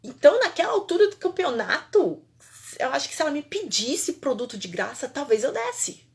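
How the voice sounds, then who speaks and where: A woman, a holistic therapist telling a personal story in an animated, emphatic way, repeating phrases for effect. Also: sits high, normal speed, gravelly.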